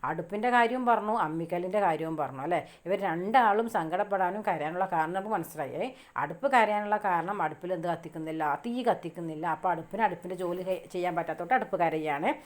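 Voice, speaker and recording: A woman teaching a class, explaining a poem line by line and answering her own questions. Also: lowish voice. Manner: asks the class questions and answers them herself; reads verse lines slowly.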